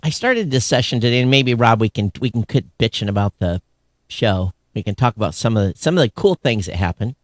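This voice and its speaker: A man's voice: mid-range voice, expressive, a little fast, no room sound, clean studio sound. A man co-hosting a live podcast, rambling and grumbling like an old curmudgeon while he chats and reads out listener comments. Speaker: podcast co-host.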